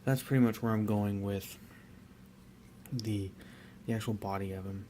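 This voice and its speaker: A young man casually talking through his hobby work, rambling and relaxed with many fillers and restarts. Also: fairly low pitch, normal speed, slight background noise. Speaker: miniature painter.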